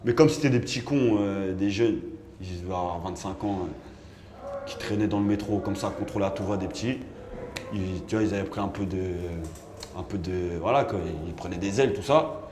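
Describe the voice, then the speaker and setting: A man's voice: sits low, moderate pace, noisy background. Slangy man telling a story in an echoey room. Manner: animated, slangy, acts out dialogue. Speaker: rapper telling a personal story. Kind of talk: casual spoken storytelling. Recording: echoey room with faint ambience.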